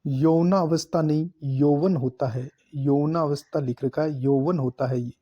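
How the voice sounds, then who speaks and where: A man teaching a spelling lesson for exam prep, slowly repeating each word and marking it correct. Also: on the high side, fairly even intonation, muffled recording.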